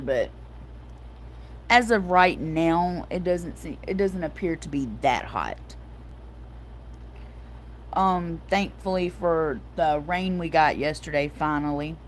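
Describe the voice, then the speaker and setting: A woman's voice: fairly low pitch, slight background noise. Chatty middle-aged woman livestreaming. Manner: animated storytelling, addresses viewers as y'all. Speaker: livestream host. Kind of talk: casual livestream chat.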